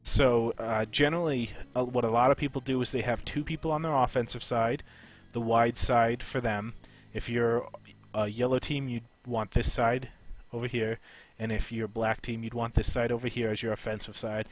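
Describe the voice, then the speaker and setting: A man hosting a casual game strategy tutorial, his voice a little off after being sick. He explains in a relaxed way with frequent "uh"s. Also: mid-range voice, moderate pace. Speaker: gaming channel host.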